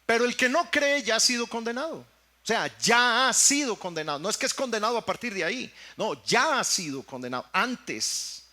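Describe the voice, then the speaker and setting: Mexican pastor guy preaching, highish voice, keeps repeating himself, calls everyone brother. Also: very animated, moderate pace, pushed and bright. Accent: Mexican Spanish. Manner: preaching with emphatic repetitions, addressing the congregation as brothers. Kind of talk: sermon.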